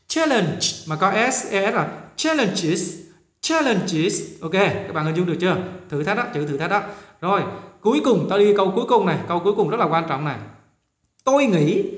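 A Vietnamese man teaching English pronunciation, repeating words slowly and coaxing his students along. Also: high-pitched, fairly bright tone, roomy sound. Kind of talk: pronunciation lesson.

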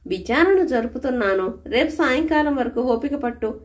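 A woman voicing a shrewd, wise male royal minister who speaks calmly and turns stern, in a storybook reading. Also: high-pitched, moderate pace, voice pushed up. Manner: calm, persuasive, stern when warning.

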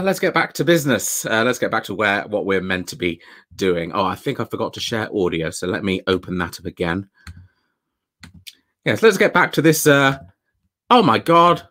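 A streamer giving casual, sardonic and sweary reaction commentary on an old TV show, speaking into a desktop mic at home. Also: fairly bright tone. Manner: sardonic and sweary, with big swings in pitch.

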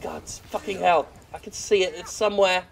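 This British gamer's voice sits high and is gravelly, with fairly even intonation and a normal speed. He gives rambling, casual, self-deprecating commentary while playing, swearing freely, against faint video game action.

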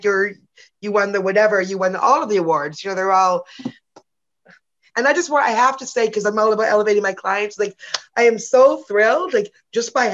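An enthusiastic woman in her fifties, talking as a podcast guest in long rambling runs full of restarts. Her voice sits at a middle pitch, and the dull, lo-fi recording takes the edge off it. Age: 50s. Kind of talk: casual interview chat. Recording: dull lo-fi audio.

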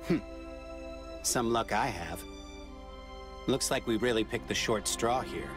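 A man's voice: fairly low pitch, measured pace, music in the background, natural voice. An actor playing a cool, sardonic young male android in a video game, with a wry, cocky way of talking. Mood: cool, resigned. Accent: American. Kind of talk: video game cutscene acting.

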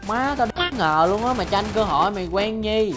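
A man's voice: sits high, expressive, a little fast, music in the background. A young man with a Southern Vietnamese accent, a gaming YouTuber arguing indignantly over voice chat and hurling accusing retorts. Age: young adult. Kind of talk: heated in-game voice chat argument.

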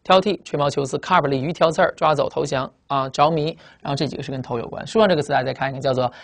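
Here the teacher's medium-pitched voice is gravelly. Working at the board, he or she lectures emphatically on vocabulary, asking rhetorical questions, spelling out letters and stretching the key words slowly.

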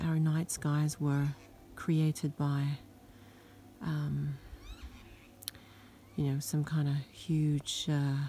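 A woman speaks in a whispered nature ASMR vlog, low in pitch and held to a narrow, even range. She talks slowly in a soft, awed, reflective way. She is outdoors on a rural farm at dusk, picked up by a handheld phone with a light hiss behind her. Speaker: farm vlogger.

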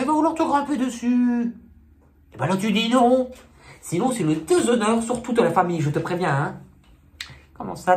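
A man putting on the voice of a bossy elder relative who scolds and lectures about family honour, in a shrill, theatrical comic bit. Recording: echoey room, faint noise.

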